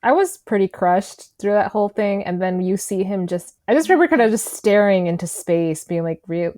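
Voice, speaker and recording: A woman's voice: mid-range voice, moderate pace, mellow, no echo, studio quality. A woman co-hosting a podcast in casual chat, easygoing and agreeable. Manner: easygoing, agreeable, laughs between remarks. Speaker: podcast co-host. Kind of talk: casual film discussion.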